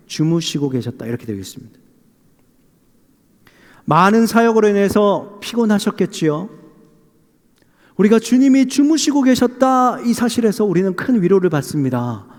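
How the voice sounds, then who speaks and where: Male pastor with a high voice, sermon delivery, heavy hall reverb. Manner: poses rhetorical questions to the congregation; dramatizes Bible quotes in lively voices. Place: church sanctuary. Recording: long reverb of a church hall.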